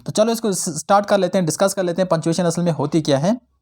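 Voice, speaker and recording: Young guy doing a grammar lesson, kinda high voice, keeps going "theek hai na". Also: fast talker, mellow. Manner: explains in Hindi-English mix, repeats "ठीक है ना". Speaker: English grammar teacher.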